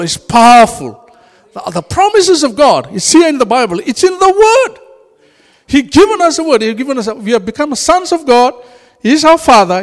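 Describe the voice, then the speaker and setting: A native Fijian speaker with a Fijian accent preaches an informal sermon in a very high voice, animated and laughing often. The hall is reverberant.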